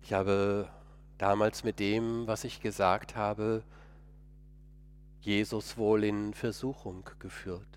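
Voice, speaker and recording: A man's voice: fairly low pitch, flat delivery, slow, clean tone. A man delivering a first-person dramatic monologue sermon in an earnest, emotional, pleading way.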